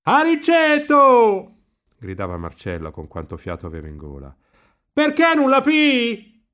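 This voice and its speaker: A man's voice: a bass voice, fairly even intonation, fast talker. A man voicing a cheeky, crude teenage boy with a Roman accent who jeers and swears. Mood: shouting. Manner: jeering, swearing.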